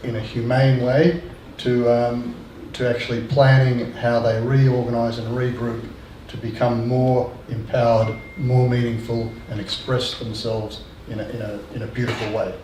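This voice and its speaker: A man's voice: mid-range voice, level tone, unhurried, hardly any pauses, a little mellow. Earnest older man on a panel, echoey. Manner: hesitant, earnest, many ums and restarts. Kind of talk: panel discussion. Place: lecture room. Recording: echoey room, distant mic, faint noise.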